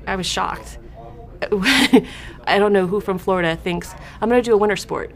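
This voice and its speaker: A woman in an interview, speaking in quick, stammering phrases. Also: mid-range voice, creaky.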